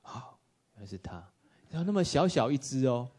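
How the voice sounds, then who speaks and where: A man giving a lively storytelling talk to an audience at a film workshop, acting out dialogue and laughing often. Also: medium pitch, fairly quick.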